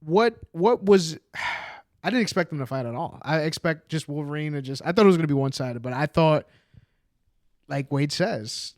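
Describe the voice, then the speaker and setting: A man with a fairly high voice guests on a movie podcast, enthusiastically reviewing films in casual chat at a moderate pace. He is animated and fills his sentences with "like" and "yeah," recorded on a podcast microphone with studio quality and no echo.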